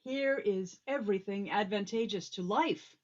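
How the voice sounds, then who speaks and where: In a Shakespearean stage drama, a woman plays an earnest, long-winded, optimistic old courtier, sounding earnest and cheerful. Her mid-range voice has a darkish tone, a moderate pace, and an everyday quality. The audio is slightly dull.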